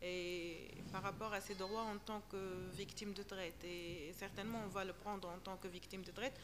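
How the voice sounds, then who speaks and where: A woman speaks at a middling pitch. She answers spontaneously as a workshop participant, thinking as she goes. Faint room noise sits behind her voice. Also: steady tone, normal speed.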